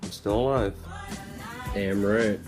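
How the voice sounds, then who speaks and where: Slow and steady in tone, a man in his 20s hosts a podcast segment that works as a frank, casual motivational monologue. He has a fairly low voice, and music runs in the background.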